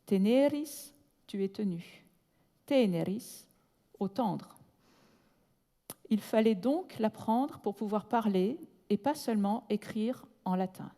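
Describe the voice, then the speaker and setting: A woman delivers a prepared academic lecture in a large hall, her mellow, darker voice carrying a long reverb tail. She reads in a measured, deliberate way and slows right down to spell out technical terms. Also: medium pitch. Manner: breaks off with brief asides in English. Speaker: conference speaker.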